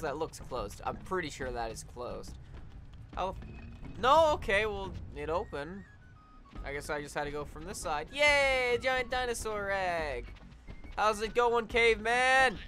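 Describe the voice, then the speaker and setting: A young man giving casual, profane gameplay commentary, getting excitable and swearing often as he plays. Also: on the high side. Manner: excitable, swears a lot, yells at the game. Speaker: let's play gamer.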